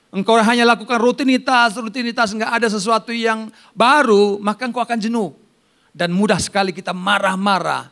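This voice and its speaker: Seorang pendeta pria berkhotbah dengan hidup, bergantian antara seruan keras dan sisipan pelan, sambil bercanda dengan jemaat. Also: male voice, high-pitched. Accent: Indonesian. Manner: animated preaching with loud rises and soft asides; jokes with the congregation by name. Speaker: pastor. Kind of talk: sermon.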